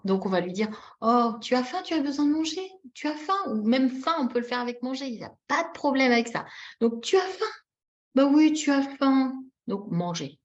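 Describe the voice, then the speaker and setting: A woman with a fairly high voice teaches a live session over a video call. She is animated and demonstrative, repeats key words and acts out little example phrases expressively. The audio is dull and lo-fi, as webinar sound often is. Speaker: webinar trainer teaching baby signs.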